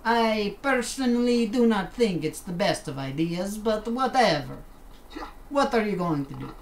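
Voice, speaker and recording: With a mid-range voice, lively intonation, and a slightly slow pace, a female streamer chats casually through a game at her home desk. She jokes, tries out put-on accents, and talks back to what's on screen; faint room hum underlies the roomy sound.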